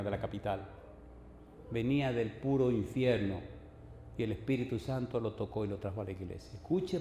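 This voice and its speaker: An older man preaches a sermon, firing repeated questions at the congregation. His voice is mellow and dark at a middle pitch. It rings out through a large, echoey hall, with faint room noise behind him. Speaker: pastor.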